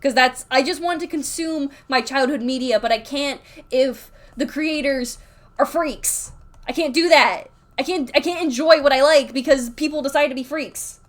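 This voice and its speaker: A woman's voice: sits high, moderate pace. A woman livestreaming while drawing, rambling candidly in casual chat, full of filler words, reading chat aloud and reacting.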